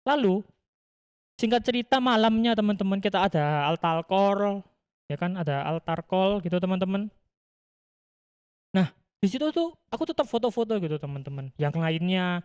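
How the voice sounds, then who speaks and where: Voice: medium pitch, darkish tone, clear, resonant tone. A young adult youth ministry leader, giving a casual personal testimony at an online youth service and often speaking to the listeners as friends. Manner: casual, keeps addressing listeners as friends, many fillers.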